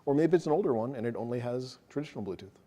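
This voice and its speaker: A man presenting a technical talk to a live audience, quick and casual, joking about himself. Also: mid-range voice, expressive, dark tone. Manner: fast, casual, self-deprecating. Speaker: meetup presenter. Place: meeting room with an audience.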